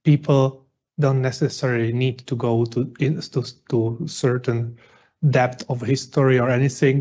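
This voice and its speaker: Man, Czech accent, guest chef, halting speech, muffled lo-fi sound. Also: medium pitch, a little mellow. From Czech Republic. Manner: halting non-native phrasing with frequent fillers. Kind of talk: presentation talk.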